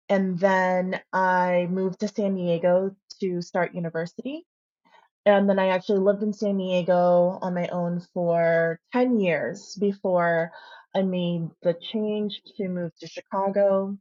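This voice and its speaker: Relaxed woman from the philippines, reflective interview answers, lowish voice, muffled lo-fi sound. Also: takes it slowly. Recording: dull, lo-fi interview recording.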